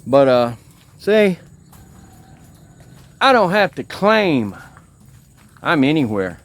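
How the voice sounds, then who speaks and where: Defiant man vlogging with lively pitch. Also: takes it slowly. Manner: defiant, rambling, talks with a cigar in his mouth. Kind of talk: casual walking vlog tour. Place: outdoors at a rural family home. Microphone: handheld camera.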